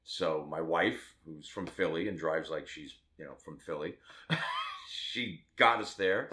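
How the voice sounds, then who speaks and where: Speaking at a measured pace, the Las Vegas man, a tattoo artist in his fifties, recounts his life to the camera in a frank, wandering way, poking fun at himself along the way. His very deep voice sounds bright and forceful.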